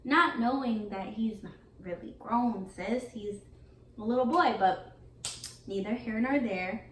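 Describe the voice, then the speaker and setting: A woman's voice: fairly high pitch, unhurried, distant mic. A young woman tells a casual storytime to her viewers, chatty, candid and full of slang. Her voice sits back from the microphone in a room with a noticeable echo. A faint hiss runs underneath. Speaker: beauty vlogger.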